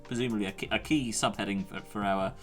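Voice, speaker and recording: A man's voice: fairly low pitch, steady tone, quick pace, soft background music. A man from the UK co-hosting a podcast, reading out listener comments in a dry, hesitant way full of fillers. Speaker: podcast co-host. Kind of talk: casual chat.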